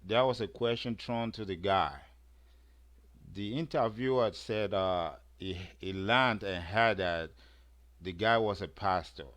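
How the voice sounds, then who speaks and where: A man hosting a talk show, giving casual commentary at an unhurried pace with lots of fillers. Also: lowish voice, fairly bright tone. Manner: slow, filler-heavy, rising emphasis. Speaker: host.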